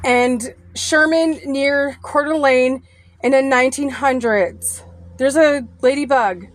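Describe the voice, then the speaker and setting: Breathless high-voiced woman vlogging outdoors. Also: takes it slowly. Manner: chatty, addresses viewers directly. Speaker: paranormal vlogger. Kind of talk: casual vlog, reading a sign aloud. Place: outdoors at a cemetery.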